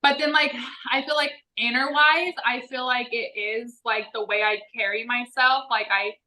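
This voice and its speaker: Bright, high-voiced young woman chatting. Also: fairly even intonation, normal speed, rough recording. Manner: informal, slangy, frequent "like". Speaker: vlog co-host. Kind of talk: casual chat Q&A between friends.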